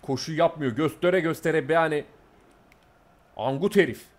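A young man giving live, excitable commentary on his own gameplay, jumping from calm play-by-play to angry outbursts. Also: on the high side, moderate pace. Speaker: gameplay streamer.

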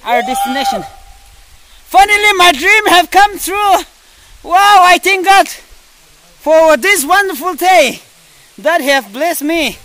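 Holding his phone at arm's length, a young Indian man vlogs his hike along a forest trail toward a waterfall, tired and thirsty. His very high voice comes through a rough recording with no echo, alternating excited exclamations with halting, simple phrases in casual narration.

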